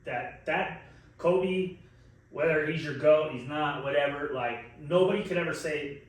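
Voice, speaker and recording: This man in his forties co-hosts a podcast and spins a long story in a casual chat, laughing often and swearing freely. His voice is fairly high and his pace measured, recorded at a distance in an echoey room.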